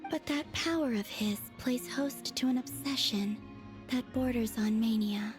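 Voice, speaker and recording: A woman voicing a mysterious moon deity who speaks in a measured, soft, often whispery way. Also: fairly high pitch, music in the background, natural voice. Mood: pensive.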